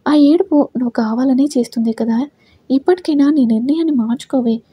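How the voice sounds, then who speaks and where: A woman's voice: sits high, a little fast, breathy edge, dry recording, muffled recording. Woman reading as an insistent best friend. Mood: urging. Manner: insistent, coaxing. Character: urging female best friend.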